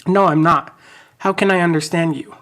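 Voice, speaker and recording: A man's voice: fairly high pitch, steady tone, moderate pace, a bit bright, lightly acted. A man voicing a frightened young half-angel man in a passage he reads from his own book. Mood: scared.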